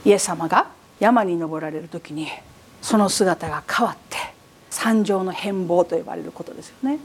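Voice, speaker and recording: A woman preacher giving a sermon in an animated way, often asking the audience questions. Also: lowish voice, normal speed, breathy edge.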